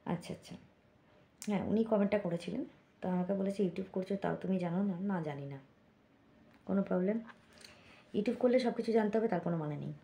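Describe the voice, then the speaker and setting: A woman's voice: medium pitch, fairly quick, creaky, long pauses, mellow. A woman vlogger chatting casually to her viewers, reading comments aloud with many fillers and asides. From Bengal.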